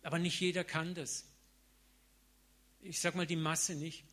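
A man preaches to his congregation in a relaxed, conversational sermon, dropping slang and everyday examples as he goes. His voice sits slightly high for a man, and he sounds middle-aged. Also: unhurried. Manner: informal, colloquial preaching with slang.

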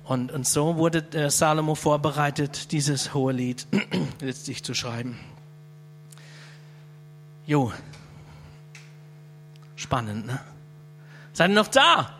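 A man's voice: mid-range voice, steady tone, slow pace, pauses often, a little hiss or hum. A man preaching a sermon in a conversational way, often checking in with his listeners. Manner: conversational, with frequent "ja?" to the audience.

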